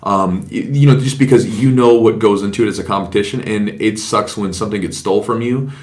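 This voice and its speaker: Low-voiced man telling stories on a podcast. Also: fairly quick. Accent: Southern US. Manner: storytelling, animated when quoting others. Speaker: podcast host, jiu-jitsu coach. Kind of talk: casual podcast chat.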